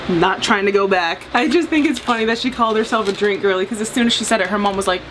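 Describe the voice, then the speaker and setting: A woman's voice: medium pitch, fast talker, background noise. A woman in her late twenties chatting casually and bubbly as a mukbang vlogger, with frequent giggly, informal phrasing. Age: late 20s. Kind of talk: casual chatty eating vlog.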